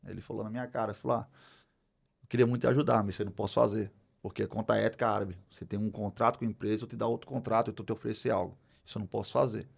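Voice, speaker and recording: A middle-aged Brazilian man telling a personal story as a podcast guest, animated, acting out the dialogue as he goes. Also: lowish voice, racing, gravelly, breathy edge. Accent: Brazilian Portuguese. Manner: animated, acts out dialogue, many fillers. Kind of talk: storytelling in a casual interview.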